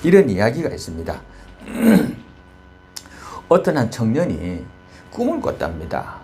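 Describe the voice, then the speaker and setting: A man's voice: medium pitch, huge pitch swings, slow pace, warm tone, soft background music. A male pastor preaching a sermon, telling a story with many rhetorical questions and tag words.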